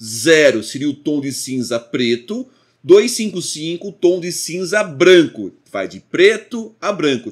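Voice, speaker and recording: A man giving a screencast coding lesson, explaining code step by step in a steady manner. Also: on the high side. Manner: steady, explanatory, walks through code line by line. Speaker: programming instructor.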